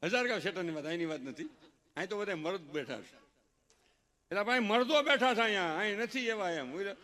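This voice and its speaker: A man's voice: high voice, expressive, a little fast, bright, forceful tone. A man performing live folk stage comedy, telling teasing village stories and mimicking family members in exaggerated voices. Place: live stage event with audience.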